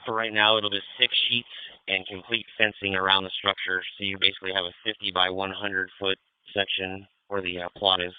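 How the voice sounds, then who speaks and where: A man's voice: deep voice, little pitch movement, fairly quick, clean tone, dry recording, phone-quality sound. An American man working as fire incident commander, giving courteous, procedural orders in clipped police-radio style over a two-way radio. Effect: radio transmission. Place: fireground.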